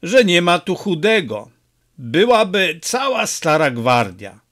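A man doing a gruff, barking village mayor. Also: sits high, big pitch swings, slow, fairly bright tone, voice pushed up, heavily acted. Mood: nostalgic. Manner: barking, impatient. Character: gruff blustering middle-aged male village mayor.

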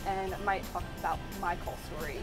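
A woman's voice: lowish voice, fairly even intonation, brisk, loud music behind the voice. A young woman, a pastor, chatting casually with many fillers and restarts, speaking into a lapel mic inside a van. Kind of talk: casual chat.

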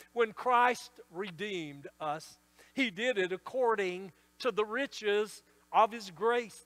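A man's voice: high voice, a bit bright. A middle-aged man preaching a sermon from a church pulpit, stressing his points and drawing out the ends of key phrases. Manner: emphatic preaching with slowed, stretched phrase endings. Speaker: pastor. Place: church sanctuary. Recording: long church reverb.

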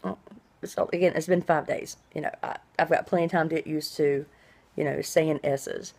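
Talking at a moderate pace, a middle-aged woman vlogs from a small room in her home, her low voice steady and somewhat dark. It feels like a casual video diary entry, rambling and conversational, with drawn-out, hissy s sounds.

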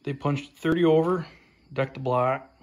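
A man giving a relaxed, plain-spoken update while filming his own project in a home garage on a handheld phone. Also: on the high side, unhurried. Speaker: tractor restoration vlogger. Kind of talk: casual workshop update. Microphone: handheld phone camera, filming while talking.

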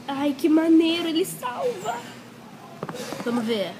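A woman with a bright, high voice chats playfully to herself and her pet at home. She lingers on her words and bursts into exclamations. The tablet's built-in mic picks up a steady layer of noise. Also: slow. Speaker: vlogger. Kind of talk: playful self-filming chat. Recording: noisy home tablet recording.

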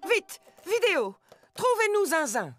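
A woman voicing an excited, urgent female character in an educational cartoon. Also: very high voice, measured pace, full character voice. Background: music.

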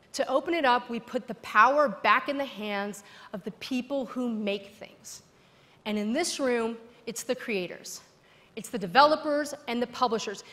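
A woman's voice: a little high, a bit bright. Woman giving an emphatic keynote in a hall. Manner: emphatic, persuasive, rhetorical repetition. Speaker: keynote speaker. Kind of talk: conference keynote speech. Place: large stage in a conference hall. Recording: long hall reverb.

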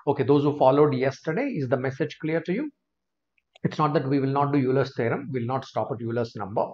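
Speaking a little fast in a medium-pitched, darkish voice, this Indian English-accented man in his thirties runs a live online test prep class from a small room. He greets viewers by name; his webcam sits in the screen share's corner, and the lo-fi stream sound is slightly dull.

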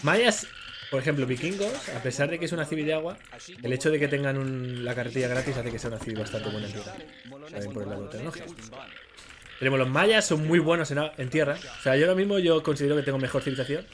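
Over crowd noise, a man with a Spain Spanish accent streams a ranked strategy game, delivering casual, slangy live commentary at a quick pace in a mid-range voice. He's chatty and talks to his viewers as he plays.

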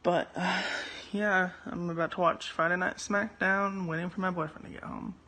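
A woman's voice: fairly low pitch, steady tone, normal speed, bright, forceful tone, poor audio. A young woman filming a casual home vlog on her phone, talking in a wry, joking, offhand way. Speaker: vlogger. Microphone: phone held by hand. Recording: phone recording with noise.

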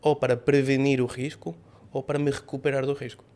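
A brisk, medium-pitched man in his thirties, not a native Portuguese speaker, appears as an AI company CEO guest on a podcast. He gives animated, conversational interview answers, gesturing with both hands as he explains ideas. He's recorded on a boom-arm studio mic in a podcast room with sofas.

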